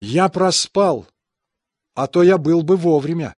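Man, slightly high, husky voice, dry studio sound, careful course phrases. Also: measured pace, dry recording. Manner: even, careful enunciation. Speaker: language course speaker. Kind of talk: scripted phrase reading.

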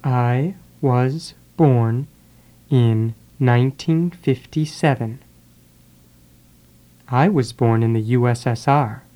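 A warm-toned English teacher speaks at a middle pitch, drilling phrases word by word at a very slow pace. The delivery is careful and deliberate, with a pause after every word so learners can follow.

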